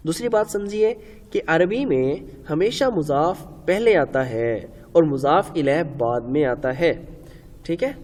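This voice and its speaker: A man's voice: on the high side, darkish tone. A man giving a step-by-step grammar lecture in Urdu with a Pakistani accent, repeating rules and answering his own questions. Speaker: Arabic grammar teacher. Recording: long reverb, faint ambient noise.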